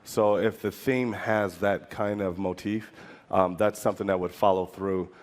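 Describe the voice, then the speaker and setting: A man's voice: deep voice, fairly even intonation, unhurried. A man on a convention panel explaining level design in a loose way, with fillers. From Michigan. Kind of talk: panel Q&A answer. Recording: long reverb of a convention hall.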